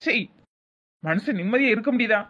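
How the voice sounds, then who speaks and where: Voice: medium pitch, animated, normal speed, muffled recording, close to an everyday voice. A voice actor playing a grown son, a defensive, work-shy drinker in a cartoon drama. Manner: sulky, defensive retorts.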